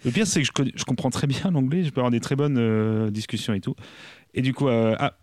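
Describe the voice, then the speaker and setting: A man co-hosting a live music radio show, chatting quickly and casually with his co-host. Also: medium pitch, darkish tone, a little hiss or hum. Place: radio studio.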